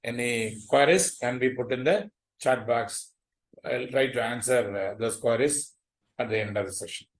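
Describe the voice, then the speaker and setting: Halting male doctor, South Indian accent. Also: mid-range voice, poor audio. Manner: halting, repetitive, polite. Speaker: doctor giving a medical lecture. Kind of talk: webinar lecture and question answering.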